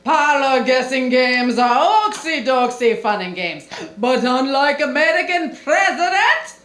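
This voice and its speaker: An actress playing a haughty Russian countess with a put-on accent in an old-time radio comedy stage show. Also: female voice, high voice, expressive, unhurried, fairly bright tone. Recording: roomy live stage recording.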